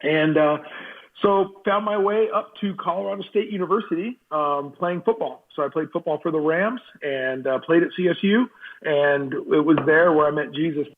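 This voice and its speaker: A man born in Iran, a guest chaplain, tells his life story in an easygoing interview manner. His voice is husky and a little high for a man, coming through a thin, phone-like line. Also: moderate pace.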